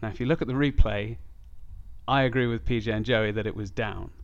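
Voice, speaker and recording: A man's voice: fairly low pitch, fairly even intonation, brisk, dull audio. A man hosting a podcast, talking casually about sport. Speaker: podcast host.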